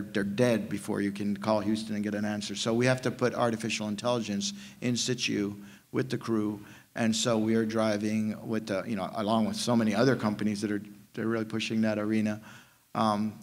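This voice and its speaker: A man in his fifties, from Jamaica, speaking on a conference panel into a table mic, animated and prone to restarting his sentences. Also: fairly low pitch. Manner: animated storytelling with frequent restarts. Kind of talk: panel discussion. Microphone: table mic on stand.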